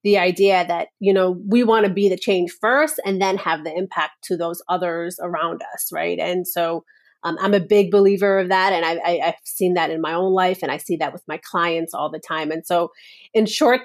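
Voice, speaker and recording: A woman's voice: lowish voice, steady tone, moderate pace. A woman from Nepal, a guest on a podcast interview, speaking earnestly and reflectively, often stringing thoughts together with "like" and "and so.". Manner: earnest, reflective, many "like" and "and so" fillers. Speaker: guest, personal power coach.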